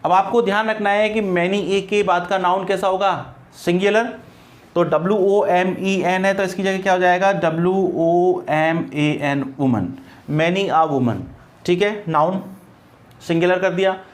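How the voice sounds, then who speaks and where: High-voiced man teaching English grammar. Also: measured pace. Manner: spells words out letter by letter and drills pronunciation. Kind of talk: exam-prep grammar lesson.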